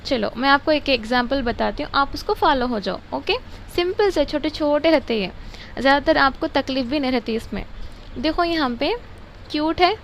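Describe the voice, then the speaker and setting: High-voiced woman teaching grammar. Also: animated, slight background noise, rough recording. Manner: slow, drawn-out pronunciation of English example words; repeats words several times to drill them. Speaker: English teacher. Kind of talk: explaining grammar to schoolchildren.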